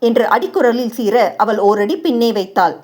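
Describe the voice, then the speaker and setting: A woman's voice: fairly high pitch, expressive, normal speed, darkish tone. A woman narrating a dramatic audio novel in a storytelling manner.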